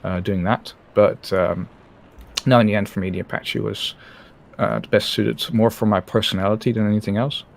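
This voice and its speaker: A man's voice: lowish voice, fairly even intonation, normal speed, gravelly. A man from the Netherlands, a former helicopter pilot, talking frankly in an interview with many hesitant restarts. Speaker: former Apache pilot guest. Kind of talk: candid interview talk on a live stream.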